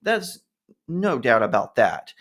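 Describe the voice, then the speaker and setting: A man talking casually to camera, giving his opinions on films and telling an anecdote in an animated way. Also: medium pitch, slow pace. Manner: animated storytelling, acts out other people with a raised voice. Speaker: YouTube commentator.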